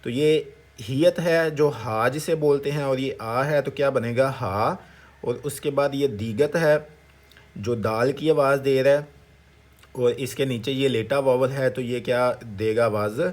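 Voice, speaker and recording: A man teaches in an even, mid-pitched voice. He sounds out each syllable slowly, repeats it, and keeps asking viewers what it becomes. His delivery is patient and methodical. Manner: slow, repetitive syllable-by-syllable drilling with questions to viewers. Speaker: language teacher. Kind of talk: Korean vocabulary lesson in Urdu.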